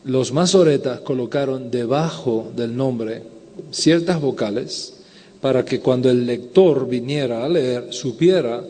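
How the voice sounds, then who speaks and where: A man's voice: mid-range voice, measured pace, warm tone. Man lecturing in a reverberant hall. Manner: explanatory, often checks in with "ok?". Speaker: rabbi and lecturer. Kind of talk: conference lecture answering questions.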